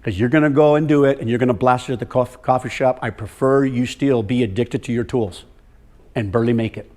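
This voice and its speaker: A man talks to farmers about soil health at a fairly quick clip, his mid-range voice carrying a darkish tone. Direct and emphatic, he repeats words for stress, walks the room and calls on listeners.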